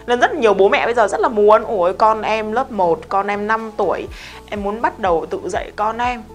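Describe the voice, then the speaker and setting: Picture a woman, leading a relaxed English lesson. She talks straight to her students, stressing her points and checking in with quick questions. Faint music plays softly behind her. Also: mid-range voice. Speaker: English teacher. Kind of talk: casual spoken lesson.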